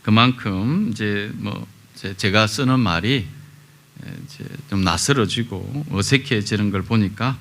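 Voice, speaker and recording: Bright-voiced pastor man, chatty sermon. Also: lowish voice. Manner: conversational storytelling with many pauses and fillers. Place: church sanctuary.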